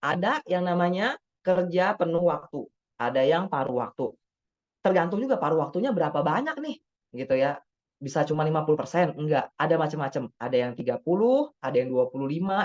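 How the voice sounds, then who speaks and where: Panel doctor from Indonesia, loose conversational delivery, voices quoted colleagues, mid-pitched voice, dull video-call audio. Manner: chatty, acts out quoted dialogue, frequent tag words. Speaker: doctor speaking on a webinar panel. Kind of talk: casual webinar talk. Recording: slightly dull lo-fi webinar audio.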